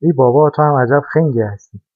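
A man's voice: medium pitch, slightly rough, no echo, natural voice. A man voicing a cheerful toy bicycle that teases and explains things in a jolly, matter-of-fact way, as a storybook character. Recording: dry, dull lo-fi recording.

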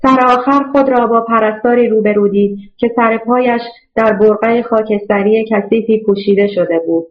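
A woman narrating a novel in a steady, even storytelling voice. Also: a little high, lo-fi sound. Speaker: audiobook narrator. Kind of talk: scripted narration.

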